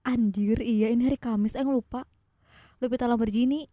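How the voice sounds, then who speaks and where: A woman's voice: on the high side, fairly even intonation, normal speed, warm tone, no echo. A woman co-hosting a podcast, chatting playfully and giggling between stories. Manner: playful, giggly, puts on silly voices. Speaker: podcast co-host. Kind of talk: casual chat, storytelling.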